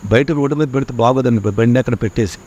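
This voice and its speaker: Man, fast-paced, fervent testimony, acts out his prayers, interview guest. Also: mid-range voice, a little mellow. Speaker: songwriter guest.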